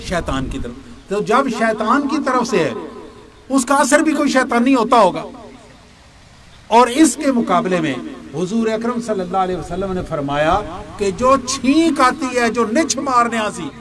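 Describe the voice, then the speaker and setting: An older male preacher from Pakistan with a high voice talks a crowd through his teaching step by step. He puts questions to the listeners and answers them himself, now and then dropping into Punjabi, while the noise of the gathering carries behind him. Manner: slips into Punjabi asides. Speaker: religious teacher. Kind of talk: sermon.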